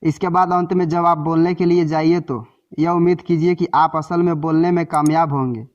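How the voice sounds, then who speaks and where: Higher-voiced man narrating a book summary. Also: steady tone, moderate pace, highs cut off. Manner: explanatory, with self-corrections.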